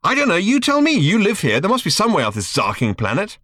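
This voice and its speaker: A man's voice: mid-range voice, big pitch swings, brisk, no echo, studio quality, voice pushed up, close to an everyday voice. A man voicing Ford, an impatient, self-regarding alien man, in an audiobook reading. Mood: urgent. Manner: clipped, impatient, earnest. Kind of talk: audiobook character voice.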